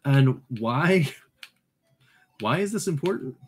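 A man's voice: mid-range voice, lively intonation, slow, slight background noise. Guy hosting retro game videos, chatty rambling commentary, keeps correcting himself, goofy little asides. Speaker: retro game channel host. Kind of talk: casual gameplay commentary.

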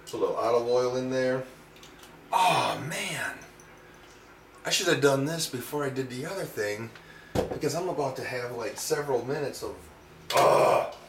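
A man's voice: mid-range voice, animated, normal speed, long pauses, very noisy. A middle-aged man hosting a home cooking demonstration, talking casually with wry, self-mocking, rambling asides. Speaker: home cooking show host. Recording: roomy echo, distant mic.

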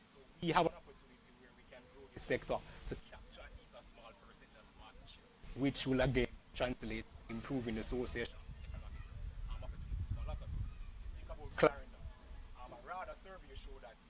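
A young man speaking as an animal nutritionist on an outdoor panel, his loudness rising and falling. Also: medium pitch, fast talker, rough recording. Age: young adult. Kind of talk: panel discussion. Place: outdoor garden set. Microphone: lapel.

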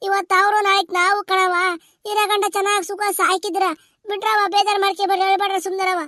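Woman doing a shrill fussy village granny. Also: level tone, sharp tone, dry recording. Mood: whiny. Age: older. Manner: fast, whiny rural chatter. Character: greedy old village grandmother, bloated and fussy. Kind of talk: cartoon comedy voice acting.

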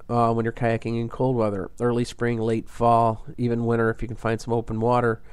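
A man's voice: mid-range voice, monotone, fairly quick, smooth, no room sound. A man hosting a fishing podcast, explaining things in a casual, rambling way full of fillers and restarts.

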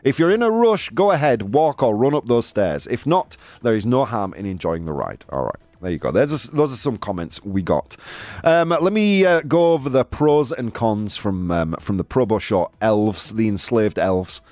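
Reacting to listener comments with disbelief and jokes, this live talk show host stays animated and keeps saying "dude." He speaks in a lowish voice at a moderate pace, and there's no echo.

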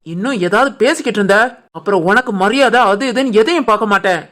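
A woman voicing a protective older mother-in-law in an animated family cartoon, firm and scolding, with a Tirunelveli Tamil accent. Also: medium pitch, fast, lightly acted. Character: caring older mother-in-law, protective, stern with her daughter.

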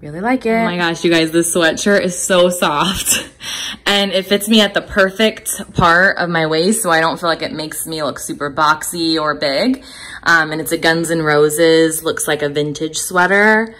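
With her phone held out at arm's length in the furnished rooms of her home, a woman in her thirties chats about the clothes she's trying on. Her low voice is steady and fairly bright at a normal speed, and she comes across informal and enthusiastic.

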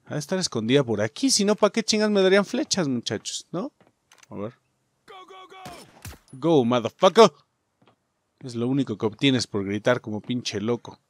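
Mexican man, let's play commentary, lively swooping pitch, profane, jokey. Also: moderate pace, long pauses. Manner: profane, joking, talks to viewers as "muchachos". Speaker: gaming YouTuber.

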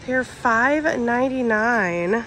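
A woman vlogger with a congested voice, gushing excitedly as she shops through busy stores on camera. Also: a little high, slow pace. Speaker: shopping vlogger host. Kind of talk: casual shopping vlog. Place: busy stores on a shopping day. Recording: crowd and store noise behind.

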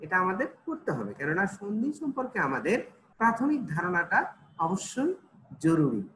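A man's voice: high-pitched, big pitch swings, fairly bright tone, a little hiss or hum, low-quality recording. A man with a Bangladeshi Bengali accent teaching an online grammar class, explaining step by step and often checking that students follow. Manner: explains slowly, repeats and checks with "ঠিক আছে?".

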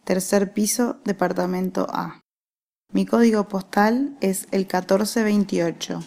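A woman's voice: medium pitch, fairly even intonation, takes it slowly, vocal fry, darkish tone. A woman with an Argentine Spanish accent giving a scripted self-introduction for a language lesson, carefully reading out her address and numbers.

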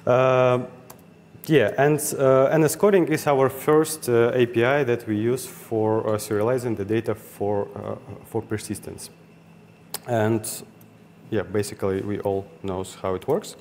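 Unhurried and fairly even in intonation, this young man's mid-range voice has a darkish tone and a Russian accent. He gives a hesitant technical talk to a meetup audience, full of fillers and restarts. Hall reverb and faint ambient noise are audible.

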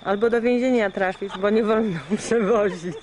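A woman's voice: mid-range voice, steady tone, fairly quick, a crowd in the background. A woman chatting casually with her family at home, explaining things to the children, heard on an old VHS home video recording through the camcorder microphone. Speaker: mother filming family at home. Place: home, near a lizard tank.

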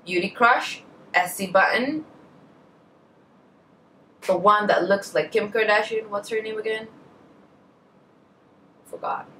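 Her voice low and a bit bright, a young Indonesian woman with an Indonesian accent chats to camera in her bedroom as a beauty vlogger answering a tag, self-correcting and wandering into asides. The camera sits a short distance in front, yet the low-quality recording sounds distant, with a little hiss or hum.

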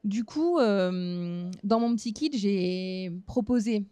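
A woman in her thirties giving a relaxed craft demonstration at a fair booth, talking casually with frequent hesitations. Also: mid-range voice, slow pace, smooth, dry recording. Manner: relaxed, chatty, many hesitant fillers. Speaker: craft instructor. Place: small trade-fair stage booth.

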